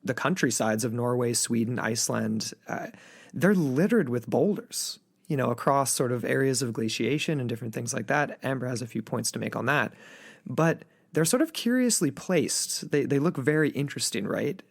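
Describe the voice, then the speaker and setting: This man co-hosts a podcast and chats casually, rambling along with plenty of fillers and restarts. His mid-range voice is gravelly and animated at a moderate pace. The sound is studio quality with no room sound.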